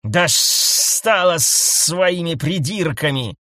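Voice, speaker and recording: A man voicing a boastful, suspicious male alien snake with a slow, drawling, hissing delivery. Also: a little high, animated, dry recording, clean studio sound, exaggerated voice. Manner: drawling and hissing, swings to outraged yelling.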